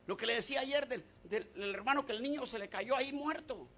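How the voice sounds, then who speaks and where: High, bright-voiced preaching pastor. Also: male voice, brisk. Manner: swings from shouted preaching to low confiding talk. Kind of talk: sermon.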